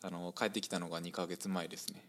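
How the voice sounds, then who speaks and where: A man's voice: low voice, flat delivery, fast, fairly bright tone. A young man from Kobe with a Kansai accent, a studio guest answering casually and agreeing often with short replies. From Kobe, Japan. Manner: agreeable, many short affirmations. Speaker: studio guest, doctoral student. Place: radio studio.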